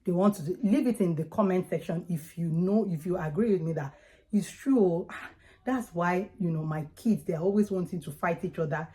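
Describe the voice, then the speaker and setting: A woman's voice: lowish voice, normal speed, dark tone. A woman with a Nigerian Yoruba accent giving casual, emphatic advice straight to viewers in a conversational way. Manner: emphatic, conversational, acts out examples. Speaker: parenting vlogger.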